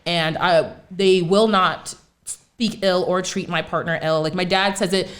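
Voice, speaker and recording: Animated young woman telling stories. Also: on the low side, measured pace. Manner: animated storytelling with laughter and profanity. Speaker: podcast guest. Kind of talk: casual chat.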